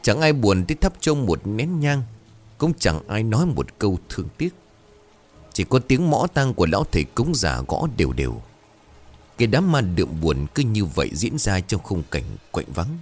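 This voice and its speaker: A man reading a ghost story aloud as a scripted narration, dramatic and expressive. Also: on the low side, normal speed.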